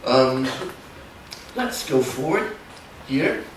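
A middle-aged German conference speaker, from near the Dutch border, gives a technical workshop talk in a large, darkened hall. His accented, mid-range voice is animated, and he explains haltingly, often correcting himself. A distant camera mic captures the echoey room along with background noise.

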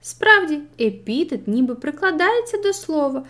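A woman reading a school literature textbook aloud, clear and deliberate, slowing into a sing-song lilt for the verse she quotes. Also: sits high, very animated, fairly bright tone. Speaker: textbook reader.

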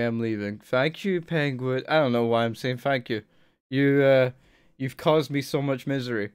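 A man's voice: mid-range voice, smooth, no room sound, clean studio sound. Exasperated swearing male streamer. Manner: exasperated, swearing, bursts into yelling. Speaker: game streamer. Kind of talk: live gameplay commentary. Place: home desk.

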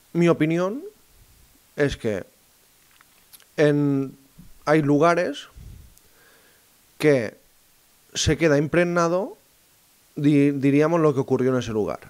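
A man talks in a casual monologue, speaking straight to his listeners and often pausing and restarting his phrases as he thinks aloud. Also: on the high side, a little mellow. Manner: addresses listeners directly. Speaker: host of a segment on psychophony.

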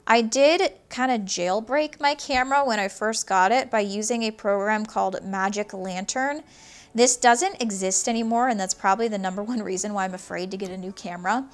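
Clipped to her hoodie, a small lapel mic records a woman in her twenties, a YouTube creator, casually explaining her gear to camera step by step. Her voice sits higher and a bit nasal, with a fairly bright tone, and she's chatty, gesturing with her hands. She talks from a small shelved home studio indoors that isn't soundproofed.

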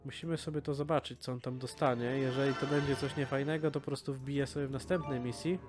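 A man giving relaxed, casual gameplay commentary, musing aloud with wry asides. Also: medium pitch, fast talker. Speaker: let's play gamer. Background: game music.

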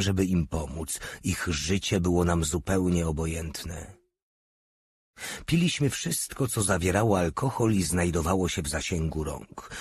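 A man reading an audiobook in a grave, measured narration. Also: deep voice, a little mellow, husky, no room sound.

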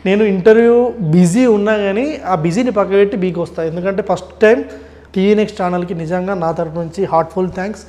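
A man talks as a comedian guest in a casual interview. He tells stories rapidly and with a lot of animation. His voice sits high and his words come quickly. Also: dark tone.

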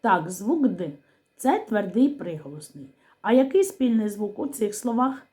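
A woman teacher with a Ukrainian accent leads a lesson for small children. She speaks slowly and deliberately, pronouncing every sound with care. Her voice is soft and mellow, and she pauses after each question. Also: mid-range voice, very animated. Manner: slow, clearly articulated, question-and-answer with pauses. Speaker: primary school teacher. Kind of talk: slow literacy lesson for young children.

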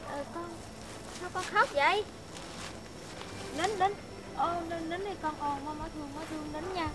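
A woman playing a frail, confused old grandmother in a comedy sketch, speaking softly and tenderly in a trembling, sing-song way. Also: very high voice, normal speed. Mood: soothing. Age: older. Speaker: grandmother character. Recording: loud background noise, distant voice.

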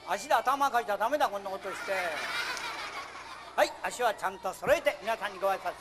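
A man's voice: sits high, quick pace, crowd noise, background noise. A man performing a puppet show for children, playfully scolding his puppet and calling out to the audience.

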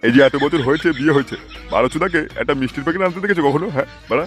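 A man's voice: on the high side, expressive, rapid-fire, soft background music, natural voice. A man doing a grumpy foul-mouthed old father-in-law. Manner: cursing, grumbling, complaining.

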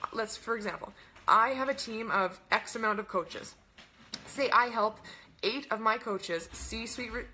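A young woman hosting a casual coaching webinar, bubbly and rambling, gushing with enthusiasm and acting out little dialogues in a higher voice. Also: bright, forceful tone, a little hiss or hum. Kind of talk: casual webinar talk to camera.

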